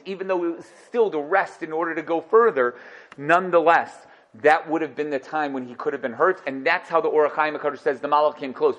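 A man with teaching a religious class as a rabbi, emphatic and animated, repeating phrases and posing rhetorical questions. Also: on the high side, rough recording. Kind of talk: animated religious lecture with Hebrew terms.

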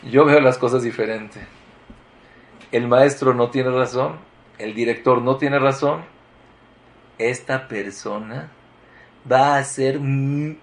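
Male preacher, unhurried storyteller, mid-pitched, swings from emphatic to hushed; faint ambience. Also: a little hiss or hum. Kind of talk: sermon with a told story.

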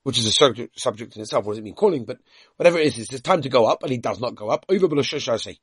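A man's voice: medium pitch, expressive, rapid-fire, slightly rough, no echo, clean studio sound. A man teaching a daily Talmud lesson in a conversational way, with asides and repeated words.

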